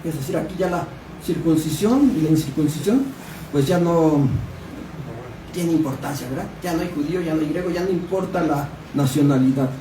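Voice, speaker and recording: In a church hall Bible study, a man from Mexico reads scripture aloud and asks the congregation questions. His voice is a little high and his speed normal. The recording comes from a distant mic in an echoey room, with noise in the background.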